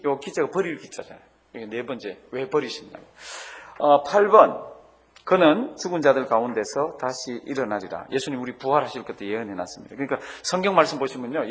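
Pastor, male, lively sermon delivery, voice rises and falls widely, slightly higher register. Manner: lively preaching, leading the congregation in reading and asking them questions; calls out the scripture cries loudly.

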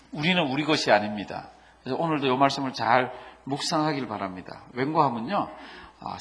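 A male pastor preaching a sermon, telling a story earnestly with pauses and fillers. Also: mid-range voice, fairly bright tone, slight background noise.

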